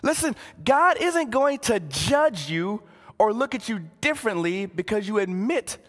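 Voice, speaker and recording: High, animated preacher man in a reverberant hall. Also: measured pace. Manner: earnest, repeats words and keeps saying "listen". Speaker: pastor. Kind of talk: sermon.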